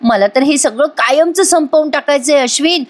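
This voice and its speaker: A manipulative young woman from a TV serial, pleading through theatrical sobs, as a woman narrator acts her out. Her voice sits noticeably higher than the narrator's own. It sounds put on and overdone. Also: normal speed, close to an everyday voice. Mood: weepy pleading. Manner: theatrical sobbing pleas.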